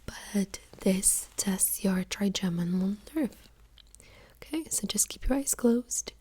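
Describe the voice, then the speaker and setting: A woman doing a whispered role-play as a doctor in a soft-spoken ASMR exam, gently giving step-by-step instructions in a breathy whisper. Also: mid-range voice, expressive, takes it slowly.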